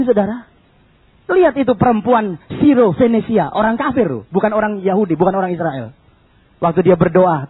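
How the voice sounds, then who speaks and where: A man preaching a lively sermon as a pastor, acting out the voices of people in the story. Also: breathy edge, dry recording, narrow, tinny audio. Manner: acts out voices of people in the story, shifts between shouts and low asides.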